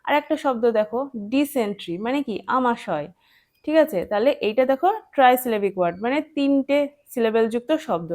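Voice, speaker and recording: A woman teaching a children's English lesson, patient and clear, asking questions and answering them herself and spelling words out letter by letter. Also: fairly high pitch, lively intonation, fairly quick, a little mellow. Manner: patient, asks and answers her own questions.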